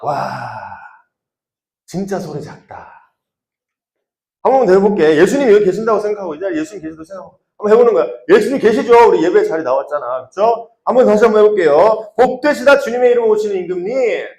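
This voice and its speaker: A youth pastor preaching to teenagers in a roomy church room, his voice high and full of lively swings. He draws the students into responses and acts out the shouts of the crowd. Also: quick pace. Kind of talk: sermon to teenagers.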